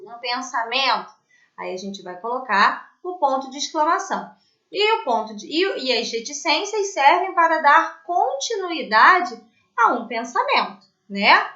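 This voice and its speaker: Sing-song teacher, high and lively. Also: female voice. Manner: slow, sing-song teacher talk with frequent tag questions. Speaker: schoolteacher. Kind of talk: online Portuguese class for children. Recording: echoey room, slightly dull lo-fi audio.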